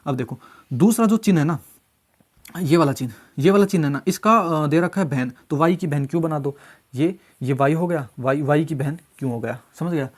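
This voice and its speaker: A man's voice: fairly high pitch, brisk. A man teaching exam reasoning questions, working through each step and often checking that students follow. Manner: repetitive, coaxing, keeps asking "samjhe?". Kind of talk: solving mock test questions step by step.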